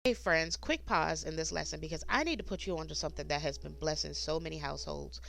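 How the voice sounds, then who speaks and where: Ad read, woman, gravelly low voice, upbeat salesy delivery. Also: quick pace, a bit bright. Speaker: sponsor read host.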